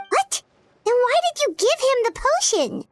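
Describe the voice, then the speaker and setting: A squeaky little companion girl. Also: very animated, normal speed, dry recording. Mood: puzzled. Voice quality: high, squeaky, exclaiming. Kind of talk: video game voice acting.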